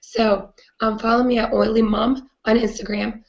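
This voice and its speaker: A woman with a raspy, hoarse voice from a cold, hosting a live video chat in an earnest way with many "um" fillers. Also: a little high, level tone, moderate pace, muffled recording. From not British. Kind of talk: casual live-stream talk.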